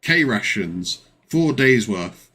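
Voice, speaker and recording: A man's voice: lowish voice, very animated, slow, bright, forceful tone, slightly rough, exaggerated voice. A man voicing a male army quartermaster in a tabletop game, reading out a gear checklist item by item. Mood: matter-of-fact.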